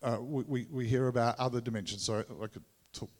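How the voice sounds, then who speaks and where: A man with a Tasmanian Australian accent gives an informal sermon as a visiting preacher, halting and conversational, often repeating his words. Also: mid-range voice, steady tone, darkish tone. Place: large room or hall, speaking to a congregation. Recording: echoey hall with long reverb.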